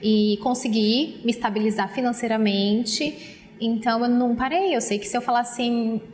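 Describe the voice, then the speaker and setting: A fairly high-voiced woman with a Brazilian accent from the Paraná countryside, chatting as a guest. She talks in an encouraging, lively way and slips into her students' voices when she tells stories. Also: normal speed. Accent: Paraná countryside Brazilian Portuguese, rolled-back R. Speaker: English teacher, guest. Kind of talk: casual interview chat.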